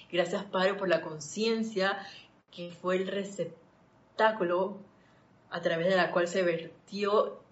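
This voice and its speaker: A woman's voice: lowish voice, lo-fi sound. A woman leading a live-streamed spiritual study class, chatting with viewers and wandering into anecdotes. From Panama. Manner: chatty, warm greetings to viewers, digressive anecdotes. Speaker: spiritual study group leader.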